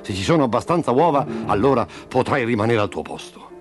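A man's voice: medium pitch, sing-song, fast talker, soft background music, natural voice. A man voicing a stern, blustering male farmer who talks brusquely in a storybook reading. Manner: brusque, scolding.

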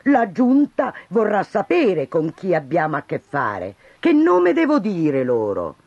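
A man voicing a greedy, scheming town mayor who blusters loudly and stammers when cornered, in a storybook reading. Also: sits high, wildly swooping pitch, slow, no echo, dull audio, voice pushed up, heavily acted. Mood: haughty.

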